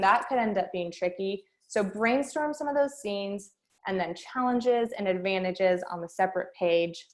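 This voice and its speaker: A woman, a speech and debate coach teaching an online workshop and guiding students through a string of questions. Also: mid-range voice.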